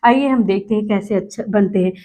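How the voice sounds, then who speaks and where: A woman's voice: mid-range voice, a little fast, dark tone. A woman teacher giving a lecture, asking the class questions and answering them herself, and stretching out key words for emphasis. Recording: muffled lo-fi recording.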